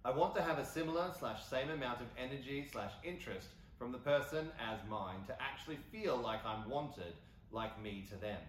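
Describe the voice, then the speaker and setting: On a convention panel stage before an audience, a man with an Australian accent reads a listener's question aloud. His mid-range voice has lively intonation and a moderate pace. The echoey hall recording is off-mic, with faint ambience and a little hiss or hum.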